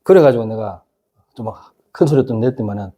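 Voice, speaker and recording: A middle-aged pastor preaching a casual youth sermon, constantly asking the congregation whether they agree. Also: male voice, medium pitch, expressive, a little fast, warm tone. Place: church youth service.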